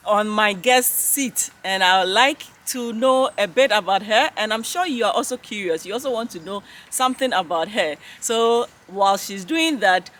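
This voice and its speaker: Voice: medium pitch, a bit bright. An interview host talking straight to viewers, enthusiastic and full of repeated "wow". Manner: enthusiastic, says "wow" often, addresses viewers. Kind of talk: casual interview.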